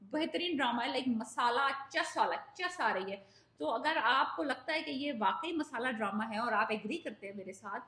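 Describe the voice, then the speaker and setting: Chatty high-voiced woman reviewing dramas. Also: animated, normal speed, pushed and bright. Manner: chatty, opinionated, mixes in English phrases. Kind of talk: casual recap vlog. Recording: echoey room.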